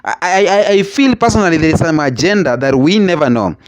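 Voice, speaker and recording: A man's voice: on the high side, lively intonation, brisk, no room sound. A man hosting a casual reaction talk, asking questions and repeating himself. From Africa. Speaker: host.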